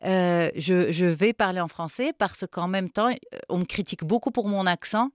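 A man's voice: sits high, moderate pace, clean tone, no echo, studio quality. A man interviewing a guest, polite and a little hesitant, with filler sounds between questions.

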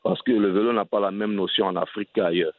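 Ivorian man, cycling advocate guest, earnest, lowish voice, dry thin phone-like audio. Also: fairly even intonation, fast talker, no echo. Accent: Ivorian French. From Côte d'Ivoire. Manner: earnest, restarts phrases often. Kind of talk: radio interview answers. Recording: dry, tinny phone-line sound.

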